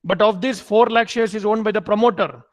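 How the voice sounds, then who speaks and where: Brief: high-pitched male lecturer, repeats and quizzes students. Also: steady tone, brisk. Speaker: MBA lecturer. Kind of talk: online class lecture.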